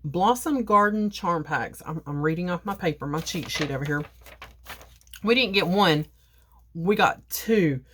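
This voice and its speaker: A woman with a somewhat low voice chats casually to her viewers as she unboxes craft supplies. She repeats herself, calls her audience guys, and sips coffee between lines. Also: lively intonation, measured pace, a bit bright, slight background noise. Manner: sips coffee while talking. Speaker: crafting vlogger.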